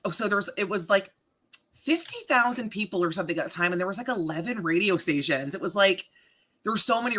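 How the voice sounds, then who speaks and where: This deep-voiced morning radio host, a woman from Canada in her thirties, sounds pushed and bright as she talks casually in an interview. Her manner is chatty and self-deprecating, full of laughter and frequent ums and other fillers.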